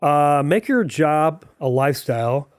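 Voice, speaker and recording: A man's voice: a little high, lively intonation, a little slow, clean tone, no room sound, clean studio sound. A man in his forties hosting a podcast, asking questions in a friendly, affirming way with faith-minded asides. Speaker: podcast host. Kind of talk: casual interview chat.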